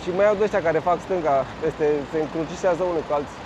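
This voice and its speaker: A man giving casual running commentary from his bike on city streets, loud and blunt, swearing freely at other road users. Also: on the high side, dull audio, noisy background. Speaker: cycling vlogger. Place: outdoors on city streets in traffic.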